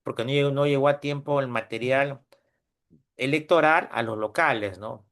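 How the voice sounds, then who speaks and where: With a mid-range, fairly bright voice at normal speed, a middle-aged man from Peru delivers a classroom lecture in Peruvian Spanish. His style is chatty, peppered with tag questions to students, and he voices characters when recounting anecdotes.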